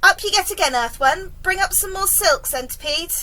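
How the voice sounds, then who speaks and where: A woman voicing a brave, excited young boy who gives urgent commands in a storybook reading. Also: extremely high pitch, normal speed, voice pushed up, full character voice. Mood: urgent, commanding.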